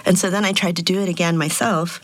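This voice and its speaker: Speaking fast with fairly even intonation and a fairly low pitch, she is a Peruvian-born, Texas-raised sound artist and DJ in her thirties. Her interview answers are thoughtful and full of fillers.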